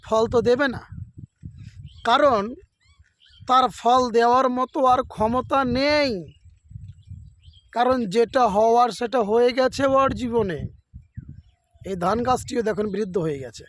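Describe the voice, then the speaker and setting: A man with an unusually high-pitched voice delivers a devotional sermon outdoors beside a rice field. He speaks as a preacher, circling back to his points again and again. He earnestly pleads with his listeners. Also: slow, pauses often, a little hiss or hum. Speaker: religious preacher. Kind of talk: devotional sermon to a camera audience.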